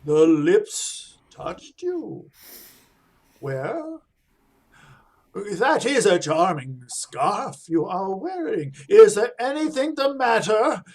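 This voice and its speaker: An actor playing a shrewd vampire-hunting professor in a radio play, with a measured, probing, emphatic manner. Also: male voice, high voice, sing-song, darkish tone, exaggerated voice. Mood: probing concern. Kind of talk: theatrical radio play acting.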